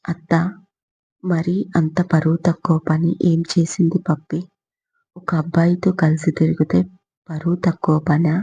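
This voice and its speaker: A woman's voice: lowish voice, mellow, slightly rough, full character voice. Woman doing a stern serious young man. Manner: serious, questioning. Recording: muffled lo-fi recording.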